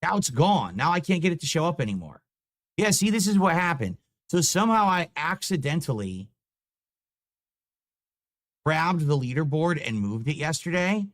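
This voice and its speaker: A young man streaming live, chatting casually and getting frustrated and swearing while fixing his stream software. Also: on the high side, very animated, moderate pace, long pauses, dry recording, clean studio sound. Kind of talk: casual livestream chat.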